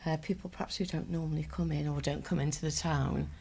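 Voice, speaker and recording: A woman with a slightly lower voice than usual answers plainly and calmly. She talks about her shop in a practical, matter-of-fact way. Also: quick pace, creaky, slightly rough. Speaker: health shop worker. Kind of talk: casual interview answers.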